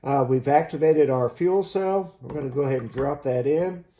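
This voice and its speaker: Mellow-voiced man presenting a gear review. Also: a little high, normal speed. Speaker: host of a gear review channel. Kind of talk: casual product review to camera.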